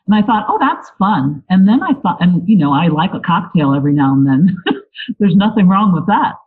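Her voice is fairly low and sing-song, with a breathy edge at a normal speed. She's a volunteer guest from Lebanon, Pennsylvania, chatting casually and telling a story in an interview over a tinny, phone-like line.

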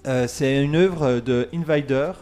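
A man's voice: mid-range voice, slow, darkish tone, soft background music. A man hosting a casual radio quiz, reading multiple-choice questions, counting down and joking with his co-hosts. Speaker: quiz host.

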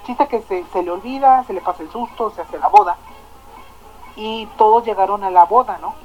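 Mexican lady on the radio, slangy and animated, kinda muffled sound, soft music behind. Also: mid-range voice, normal speed. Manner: chatty, slangy, animated storyteller. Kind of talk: casual storytelling chat.

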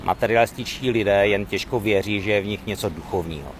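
A man giving a devotional sermon and reading scripture aloud in an earnest, measured way. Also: on the low side, slight background noise. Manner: earnest, measured reading with lively rises and falls. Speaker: preacher.

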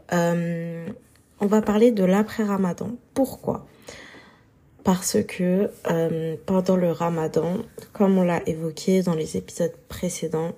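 A woman with a sore, husky throat, talking informally and thinking aloud as she hosts a relaxed, unscripted solo podcast. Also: lowish voice. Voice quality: husky, soft-edged. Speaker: podcast host.

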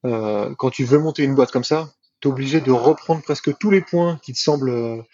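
A man hosts a casual podcast interview in a mid-pitched voice. He sounds relaxed and hesitant, leaning on fillers and repeating himself. The recording is dry and a little dull. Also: normal speed, slightly rough, no room sound. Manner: relaxed, hesitant, many "euh" and repetitions. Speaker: podcast host. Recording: dry, dull, slightly lo-fi mic.

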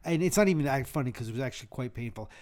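A man's voice: medium pitch, expressive, racing, a little mellow. A man talking casually as a podcast guest, rambling and repeating his words in a laid-back way. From United States. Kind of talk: casual chat.

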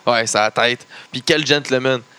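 A man's voice: mid-range voice, normal speed, sharp tone, smooth, no echo. A man with a Quebec French accent co-hosting a podcast, chatting casually about wrestling, rambling with many fillers and restarts. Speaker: podcast co-host.

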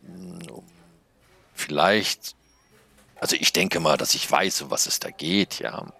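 A man's voice: low voice, lively intonation, takes it slowly, gravelly, bright, forceful tone, husky. A man hosting his channel, chatting casually and hesitantly with many fillers before and after reading a story aloud. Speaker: channel host reading stories.

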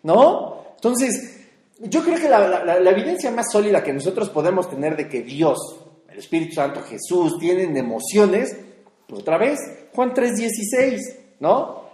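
A man's voice: high-pitched, animated, moderate pace, dark tone. A man preaching a teaching sermon in a conversational way, with fillers and emphatic rises. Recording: echoey room.

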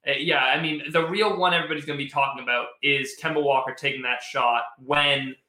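A man's voice: mid-range voice, fairly even intonation, fairly quick, bright, forceful tone, reverberant, low-quality recording. A man hosting live post-game sports commentary, conversational, repeating words as he thinks aloud. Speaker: sports show host.

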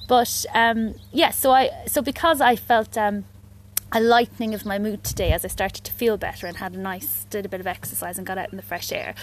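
A woman's voice: medium pitch, fairly even intonation, brisk, slight background noise, poor audio. A woman with an Irish accent co-hosting a podcast, chatting casually and reading a poem aloud in a reflective way. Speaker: podcast co-host. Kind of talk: casual chat and poetry reading.

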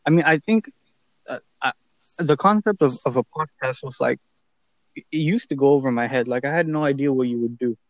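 A young man co-hosting a podcast over his phone and earphones, telling a story in a laid-back, halting way. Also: mid-range voice, dry recording, rough recording. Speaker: podcast co-host. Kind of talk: casual chat. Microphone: earphones on a phone call.

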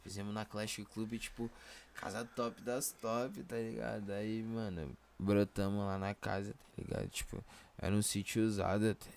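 A man's voice: lowish voice, little pitch movement, normal speed, creaky, a little mellow, a little hiss or hum. A young man with a Brazilian Portuguese accent telling anecdotes in casual, slangy chat full of verbal tags. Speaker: rapper, podcast guest.

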